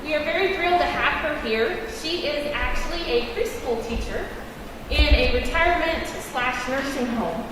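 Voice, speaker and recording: A woman with a high voice delivers a welcome introduction as an event host. She sounds distant in a large, heavily echoing gym, with noticeable noise around her. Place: large indoor gymnasium.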